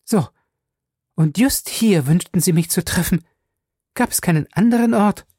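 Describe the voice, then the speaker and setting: A man reading the part of a proud, wounded young woman who speaks in high, trembling reproaches. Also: lively intonation, normal speed, a little mellow, breathy edge, dry recording, studio quality. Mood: indignant.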